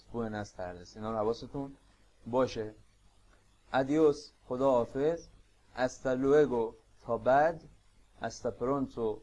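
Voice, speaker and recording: Man, Persian accent, teacher voice, patient explanations, repeats phrases slowly. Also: on the low side, a little mellow. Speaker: Spanish teacher. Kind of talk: explaining a language lesson.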